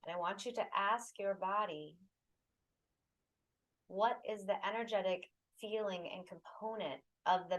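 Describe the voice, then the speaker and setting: Speaking at a medium pitch, a woman leads a guided meditation with calm, unhurried instructions. She uses short phrases with pauses between them, and the recording is rough.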